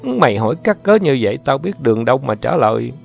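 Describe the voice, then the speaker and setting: A man's voice: mid-range voice, sing-song, gravelly, pitched above the performer's own voice, full character voice. A man voicing a brash, streetwise older girl in a storybook reading, firing off coarse questions. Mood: blunt. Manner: coarse, rapid-fire questions. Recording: dull lo-fi with faint music.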